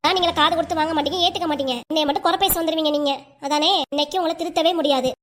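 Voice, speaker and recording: A quarrelsome cartoon mother, voiced by a woman, fires off complaint after complaint in a very high, piercing voice. She scolds quickly and never lets up, the tone of a home-made cartoon. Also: fairly even intonation, heavy background noise, lightly acted. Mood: bitter. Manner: scolding, rapid-fire complaints. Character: sharp-tongued middle-aged mother, quarrelsome.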